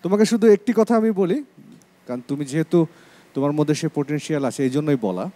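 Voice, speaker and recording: A man's voice: on the high side, lively intonation, a little fast, warm tone. A man judging a comedy show, giving friendly advice with a Bangladeshi Bengali accent. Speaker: judge. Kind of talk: judge's feedback.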